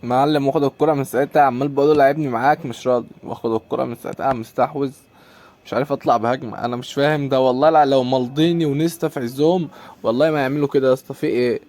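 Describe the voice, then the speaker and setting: A man's voice: medium pitch, fairly even intonation, racing, a little mellow. A young man with an Egyptian Arabic accent commentating his own football video game match, exasperated and repeating his complaints. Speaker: gaming YouTuber.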